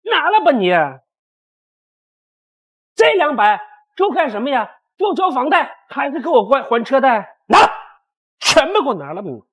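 A man's voice: very high-pitched, very animated, moderate pace, pauses often, a bit bright, exaggerated voice. A man acting an arrogant factory supervisor in a short drama skit, taunting and jeering at staff. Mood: domineering. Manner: taunting, jeering, often laughing. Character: arrogant bullying male factory supervisor, mocking.

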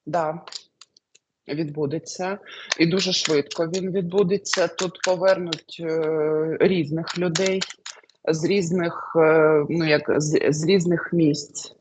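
A woman's voice: low voice, steady tone, takes it slowly, darkish tone, slight background noise. A woman answering questions with predictions, hesitant and filler-heavy, often trailing off into loose lists. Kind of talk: casual spoken predictions.

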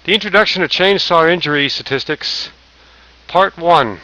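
A man's voice: on the high side, normal speed, sharp tone, low-quality recording. A man narrating a safety training slideshow, reading lists aloud with small slips and restarts. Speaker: safety instructor.

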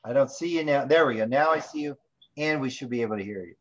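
Over lo-fi call audio, a man with a mid-range voice talks fast as he hosts an online training session. He walks through a screen share informally, rambling and thinking aloud in a casual presentation.

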